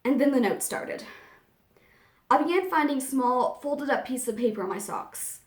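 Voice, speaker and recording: An anxious young woman played by a woman reader confides in a dramatic first-person monologue, conversational yet theatrical. Her voice sits a little high, and the room around it echoes clearly. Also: lively intonation, normal speed. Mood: uneasy, troubled. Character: anxious young woman with memory gaps, confessing urgently.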